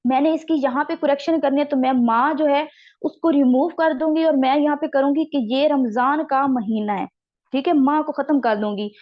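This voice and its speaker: Woman, teacher, recorded lecture, patient step-by-step explanation, muffled lo-fi audio. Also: high-pitched. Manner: explains slowly, checks in with "theek hai?" after each point. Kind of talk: recorded exam-prep lecture. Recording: dull lo-fi sound.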